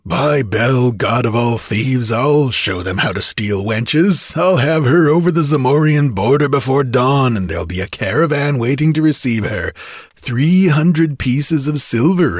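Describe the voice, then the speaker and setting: A man's voice: on the low side, husky, no echo, clean studio sound. Man putting on a bellowing fat rogue. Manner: bellowing, bawdy and self-important. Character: fat gross boastful male kidnapper.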